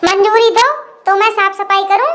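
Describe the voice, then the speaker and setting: A very high, bright voice playing a cheeky young cartoon neighbor man who talks back. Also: little pitch movement, moderate pace, a little hiss or hum. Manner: cheeky backtalk.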